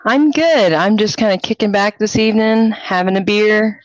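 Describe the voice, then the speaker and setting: A woman in her forties co-hosting a podcast, talking in a relaxed, easygoing casual chat. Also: mid-range voice, moderate pace, no echo, highs cut off. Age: 40s. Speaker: podcast co-host.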